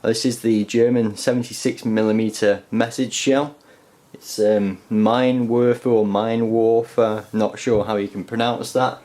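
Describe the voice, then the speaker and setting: A man's voice: fairly low pitch, steady tone, moderate pace, darkish tone. A young man from the UK casually reviewing a collector's item, talking hesitantly with lots of ums and restarts. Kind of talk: casual show-and-tell review.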